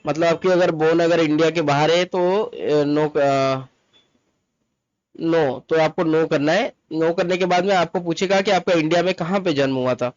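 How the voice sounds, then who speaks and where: Recording a voice-over for a screen recording, a Mumbai-based travel agent walks through an informal tutorial in a somewhat high voice at normal speed. He goes step by step, repeats himself, and drops in English terms, and the audio is close, very dry, dull, and lo-fi with no echo.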